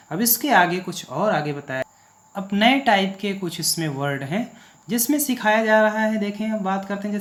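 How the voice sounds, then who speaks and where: A male teacher from India explains grammar and keeps posing questions to the class and answering them himself. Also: fairly high pitch. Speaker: English teacher. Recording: echoey room.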